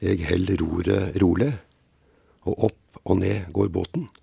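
An actor reading a lone man steering a boat at sea, desperate, in a slow, repetitive, incantatory way. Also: deep voice, creaky, warm tone, breathy edge, dry recording, heavily acted. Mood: anxious, searching. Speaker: actor reading a play excerpt. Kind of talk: dramatic reading.

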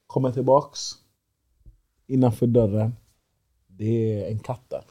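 A man co-hosting a podcast, laying out a story in relaxed chat and quoting what others said. His voice is dark and mellow. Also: medium pitch. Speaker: podcast co-host. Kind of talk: casual chat.

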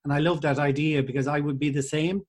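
A man's voice: a little high, fairly even intonation, fast. A man interviewing a guest in a conversational way.

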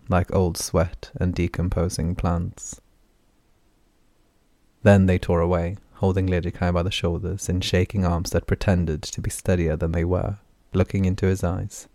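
A man narrates a fantasy novel audiobook in a low, steady voice. His delivery stays flat and measured rather than theatrical. The recording is dry and close-miked. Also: no room sound. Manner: even, measured reading.

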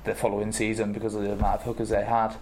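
Low, flat-voiced young man. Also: a little hiss or hum. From England. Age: 20s. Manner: halting, with many pauses and fillers. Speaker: rugby player guest. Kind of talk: casual interview answers.

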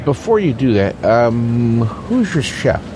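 An actor playing a playful older father who is a retired chef, joking and speaking slowly. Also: mid-range voice, big pitch swings, crowd noise. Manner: joking, slow drawn-out delivery.

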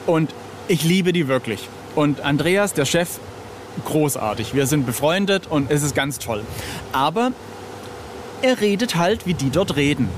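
A middle-aged illustrator of record covers chats casually as an interview guest, hesitant and self-ironic, often searching for his words. His voice is a little high and animated, at a measured pace. The background is noisy.

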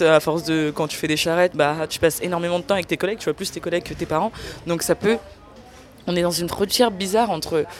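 Earnest young woman recounting an experience. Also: fairly low pitch. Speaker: interviewee. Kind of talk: candid personal testimony.

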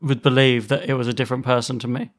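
A man's voice: medium pitch, level tone, fast talker. A man co-hosting a podcast, telling paranormal stories in loose casual chat, full of fillers and laughs. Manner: chatty, laughs often, trails off with fillers. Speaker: podcast co-host.

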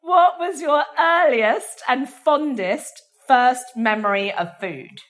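A woman's voice: sits high, takes it slowly, a bit bright. A woman hosting a casual interview in a chatty, reactive way. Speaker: interview host. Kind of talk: casual chat.

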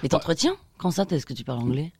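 A man with a high-pitched voice hosts a casual podcast interview. He teases and jokes with his guest, and the sound is close and dry. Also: lively intonation, fast, darkish tone, slightly rough, no room sound. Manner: teasing, playful. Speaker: podcast host.

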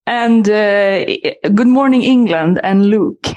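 A woman's voice: medium pitch, takes it slowly, a little mellow. A woman hosting a football podcast, chatting casually with many hesitations and restarts. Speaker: podcast host.

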